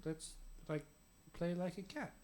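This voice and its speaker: A game master voicing a nervous young male spellcaster who speaks hesitantly, halting with fillers. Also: medium pitch, lively intonation, a little mellow, slight background noise, voice pushed up, natural voice. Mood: defensive.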